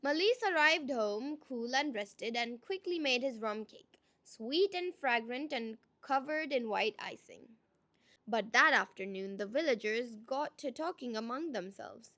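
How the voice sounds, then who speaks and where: Slow, high-voiced woman telling a folktale. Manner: deliberate, expressive. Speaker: storyteller. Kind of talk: scripted folktale narration.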